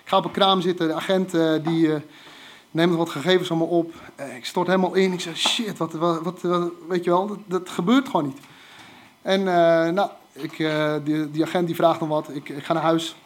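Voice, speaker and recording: A man telling a personal story in a casual, animated way, with lots of fillers and restarts. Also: a little high, moderate pace. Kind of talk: casual spoken anecdote.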